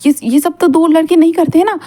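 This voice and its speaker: A woman's voice: extremely high pitch, fast talker, mellow, voice pushed up. A woman voicing a shy, flustered young man who stammers, in a storybook reading. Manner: stammering, embarrassed.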